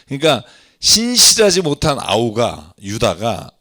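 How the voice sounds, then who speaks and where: A man's voice: medium pitch, unhurried. A man, a pastor, giving a Bible reading lecture, acting out the words of God and the people and asking his listeners questions. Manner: animated, acts out God's and people's words in dialogue; asks the audience questions, laughs at himself.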